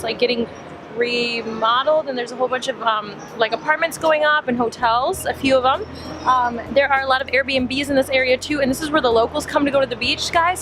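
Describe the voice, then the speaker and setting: A woman's voice: high voice, background noise. A young woman from Cuba, chatty and upbeat, talking through a casual travel vlog outdoors in a beach town. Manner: chatty, upbeat, many fillers. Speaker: vlogger.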